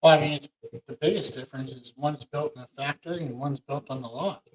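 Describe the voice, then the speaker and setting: A man's voice: medium pitch, fast talker, poor audio. A middle-aged man co-hosting a casual podcast, speaking conversationally with frequent hesitations. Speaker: podcast co-host, mortgage lender.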